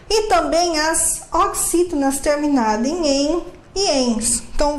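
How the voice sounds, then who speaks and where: A woman's voice: high voice, darkish tone, reverberant, slight background noise. A woman teaching a grammar lesson, explaining step by step and asking and answering her own questions.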